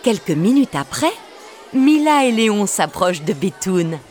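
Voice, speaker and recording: A woman reading a children's story aloud in a slow, expressive, sing-song way. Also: on the low side, some chatter behind.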